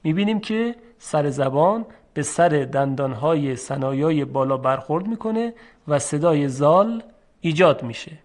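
A man's voice: a little high, expressive. Man teaching Arabic letter sounds. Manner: slow and drawn-out on example sounds, repeating them for students. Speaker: Quran recitation teacher. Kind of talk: tajwid pronunciation lesson.

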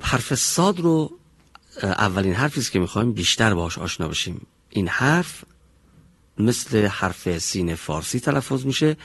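A male teacher in a classroom giving a pronunciation lesson, patient and deliberate, slowly demonstrating each sound for his pupils. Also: on the low side, slightly rough, no echo.

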